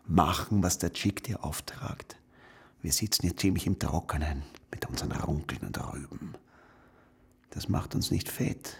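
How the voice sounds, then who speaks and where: A gravelly, sleazy postwar exploiter. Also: male voice, rumbling low, unhurried, heavily acted. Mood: coaxing. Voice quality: gravelly, husky and breathy. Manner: coaxing, then curt and bossy. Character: sleazy, domineering postwar man grooming a young girl. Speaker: actor in a radio play. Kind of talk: radio drama acting.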